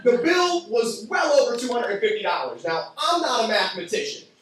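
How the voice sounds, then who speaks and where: A man's voice: very high-pitched, big pitch swings, a little fast, background noise. A young man doing a stand-up comedy set in a club, telling crude, sarcastic stories. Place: club with audience. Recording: echoey room from far off.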